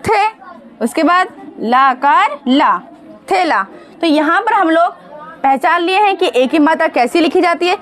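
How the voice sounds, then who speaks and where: A woman teaching a Hindi lesson to young children, patiently sounding out syllables slowly and asking the children questions. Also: extremely high pitch, animated, a bit bright, slight background noise.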